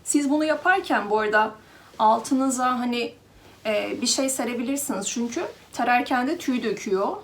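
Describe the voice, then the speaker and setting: A woman's voice: a little high, moderate pace. A woman vlogger chatting casually to her viewers as she shows a pet grooming glove and talks to her cat. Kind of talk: casual product demo to viewers.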